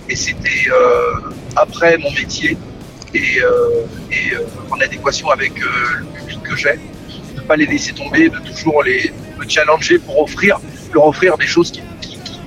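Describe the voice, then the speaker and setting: A middle-aged man speaks as a guest about his work, his voice a little high and full of rises and falls. He hesitates and restarts constantly. Music plays clearly beneath him. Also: rough recording. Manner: hesitant, repeats words and restarts often. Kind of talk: relaxed interview talk. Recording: music playing behind the voice.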